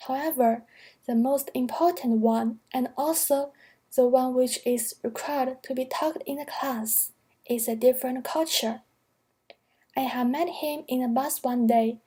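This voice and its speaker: High, breathy young woman with a Chinese accent. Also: a little mellow. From China. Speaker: student. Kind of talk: reading a prepared narration.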